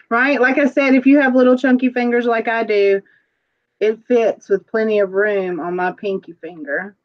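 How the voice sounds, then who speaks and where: Chatty woman on a muffled stream. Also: on the high side. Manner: chatty, rambling, quick to laugh. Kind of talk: casual live-stream chat.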